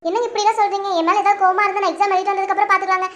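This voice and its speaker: Anxious pleading young wife in a cartoon, voiced by a woman, very high voice, fast talk. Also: little pitch movement, fairly bright tone. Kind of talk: cartoon voice acting.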